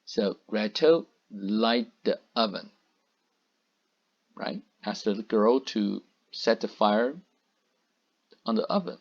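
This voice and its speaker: A man reads a storybook aloud for children, slowly and with a very animated pitch. He pauses often to explain words and point out pictures. The recording sounds dull and lo-fi. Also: creaky.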